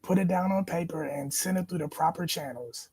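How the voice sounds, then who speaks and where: Husky, higher-voiced man giving advice. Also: brisk, a little mellow, dry recording. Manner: firm, encouraging advice. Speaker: graduate student leader. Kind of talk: panel discussion. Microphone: video call.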